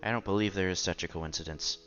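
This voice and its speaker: A channel host reads a visual novel out loud, voicing the narrator and lead, though he now and then stumbles and rereads words. His voice sits low and is a bit bright, moving at a quick pace. The recording has a lo-fi sound with background music.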